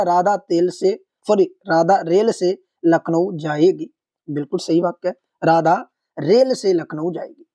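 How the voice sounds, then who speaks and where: A man giving an online exam-prep lecture, asking the class questions, answering them himself and slowly repeating the correct answer. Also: high voice, warm tone. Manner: explains step by step, asks questions and answers them; slows down to repeat the correct form. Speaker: Hindi exam-prep teacher.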